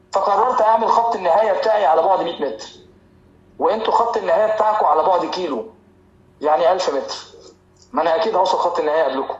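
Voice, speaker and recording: A man with an Egyptian Arabic accent gives a lively medical lecture in a hall, teasing students and drilling terms by repetition. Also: sits high, highs cut off.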